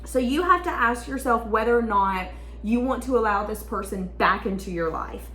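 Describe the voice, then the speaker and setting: A woman's voice: on the high side, animated, normal speed, fairly bright tone, a little hiss or hum. Emotional woman tarot reader, echoey room. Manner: emotional, stream-of-consciousness, repeats herself. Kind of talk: intuitive tarot reading to viewers.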